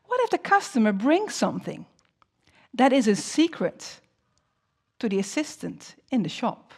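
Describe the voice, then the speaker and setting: A woman with a fairly high, very lively voice gives teaching tips as a non-native English speaker. She sounds like an encouraging teacher, often putting questions to the listener and letting her intonation swing widely. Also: a little slow, vocal fry, slightly rough. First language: not English. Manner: animated, encouraging, rhetorical questions.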